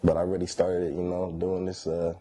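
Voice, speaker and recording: In a deep, mellow voice with completely flat delivery at normal speed, a thirty-year-old man talks in a casual interview. He's an R&B singer who is high on weed. He uses a stoned, laid-back slangy drawl, saying "you know what I'm saying" again and again.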